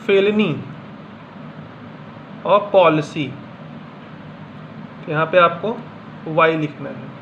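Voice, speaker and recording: A man teaching pronunciation in Hindi, reading out example words one at a time in a slow, deliberate way. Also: fairly high pitch. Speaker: English teacher. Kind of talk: classroom lesson explaining pronunciation. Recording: dull lo-fi sound with faint room hum.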